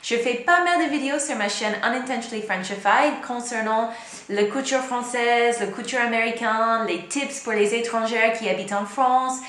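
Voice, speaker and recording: A woman's voice: on the high side, normal speed, a bit bright. A young woman from the United States with a strong American accent, a native English speaker, chatting casually to camera as a vlogger and stringing her thoughts together. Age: young adult. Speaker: YouTube vlogger. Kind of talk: casual direct-to-camera vlog. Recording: echoey room.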